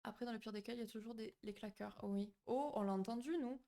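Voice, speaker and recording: A woman's voice: on the high side, quick pace, gravelly, warm tone. A woman hosting a psychology live stream, chatting casually with viewers between points, with many fillers and restarts. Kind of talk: casual live-stream talk, reading chat. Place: home streaming setup.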